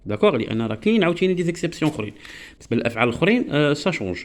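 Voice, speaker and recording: Moroccan man teaching French, slow and repetitive. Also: a little high, sing-song. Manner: switches between French and Darija, repeats key words slowly; keeps urging listeners to focus. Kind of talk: online grammar lesson.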